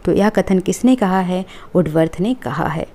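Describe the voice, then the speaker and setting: In this exam review lesson, a woman teacher sounds animated, her fairly low, dark voice keeping a moderate pace. She reads out every answer option and keeps checking in with students using "ठीक है".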